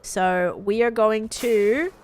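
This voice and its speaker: Streaming a game live, a young woman chats casually, replies to her chat and gets excited about the things she finds. Her voice is mid-range and her speech is slow.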